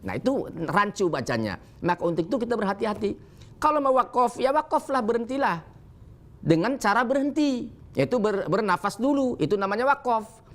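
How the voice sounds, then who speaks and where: Indonesian male Quran teacher, somewhat high voice, emphatic televised lesson delivery. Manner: alternates explanation with slow chanted Arabic recitation examples; emphatic, animated when correcting mistakes.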